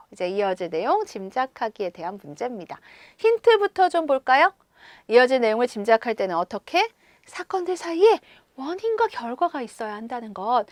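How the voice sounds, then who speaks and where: A woman teacher explaining a story to schoolchildren, expressive and full of questions to her pupils. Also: high voice, dry recording, studio quality. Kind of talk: reading-comprehension lesson.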